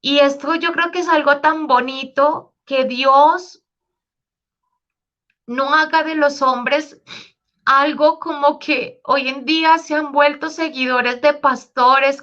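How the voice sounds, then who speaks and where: A woman with a high, bright voice tells her personal faith story in an earnest, heartfelt way. The recording sounds slightly dull and lo-fi.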